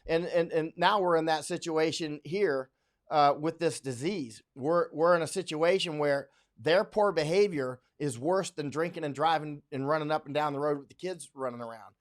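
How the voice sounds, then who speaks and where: A livestream host from Central Florida chats casually from his home in Chiang Mai, Thailand, reading viewer comments. His voice is fairly high and his speed normal. He rambles, restarting sentences and using lots of fillers.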